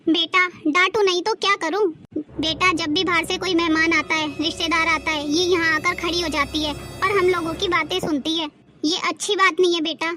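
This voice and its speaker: A woman's voice: very high-pitched, fairly even intonation, normal speed. A young woman playing a bossy middle-aged mother-in-law who chides her daughter-in-law in a family drama skit. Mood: scolding. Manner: bossy, chiding.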